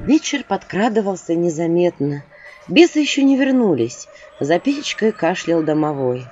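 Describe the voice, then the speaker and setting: A woman reads a comic folk-style audiobook with an animated, swooping delivery. The sound is dull and lo-fi, with faint music underneath. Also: medium pitch. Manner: lively, expressive storytelling. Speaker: audiobook narrator. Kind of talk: scripted audiobook narration.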